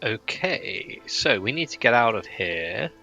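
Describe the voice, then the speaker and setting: A man's voice: lowish voice, big pitch swings, a little slow, vocal fry, pushed and bright, faint music behind. A man talking casually and bantering as a player in a tabletop role-playing game. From outside the United States.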